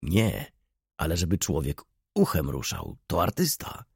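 A man's voice: low-pitched, very animated, a little slow, gravelly, husky, no echo, full character voice. A man voicing a lawyer in an audiobook, making dry, sardonic asides. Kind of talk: audiobook reading.

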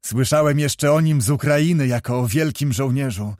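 A man's voice: normal speed, a little mellow, no room sound, studio quality, close to an everyday voice. Man doing a hearty old mustached nobleman. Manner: booming, fervent exclamations.

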